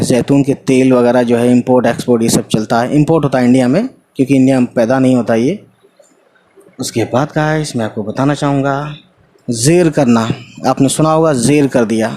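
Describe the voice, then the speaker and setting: A man's voice: medium pitch, dark tone. A man teaching Urdu in a casual online lesson, spelling out each word letter by letter and often talking to viewers as guys, with English fillers mixed in.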